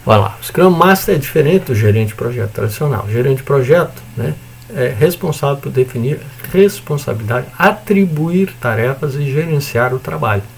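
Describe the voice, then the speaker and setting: In a medium-pitched, creaky voice, a man speaks at normal speed and with animation, over a little hiss or hum. He's a university lecturer with a Brazilian accent delivering a casual recorded lecture, chatty and full of tag questions, with joking asides and occasional mild swearing.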